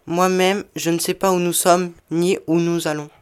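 A woman's voice: fairly low pitch, little pitch movement, moderate pace, clear, resonant tone, natural voice. A woman voicing a fifteen-year-old shapeshifting boy who runs away from home. She talks in an earnest, determined way. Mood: solemn.

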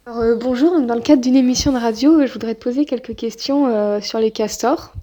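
A woman interviewing informally for a radio programme, speaking hesitantly with frequent pauses. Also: fairly high pitch, over music. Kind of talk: informal street-style interview. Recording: dull, lo-fi field recording.

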